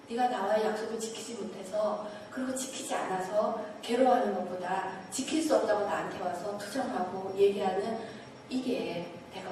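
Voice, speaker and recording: Woman doing a soft-spoken loving God-father, gentle hushed tone, roomy echo. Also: mid-range voice, natural voice. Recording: echoey hall, distant mic, noise.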